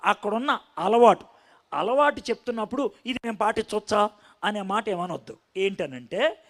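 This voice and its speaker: A male preacher teaching from the Bible in an animated, storytelling way, often asking his listeners questions. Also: sits high, moderate pace. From India.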